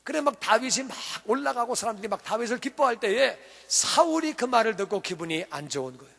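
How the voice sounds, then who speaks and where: Pastor, male, high voice, lively story sermon with character voices; church hall with long echo. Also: fast, vocal fry. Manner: animated, acts out characters.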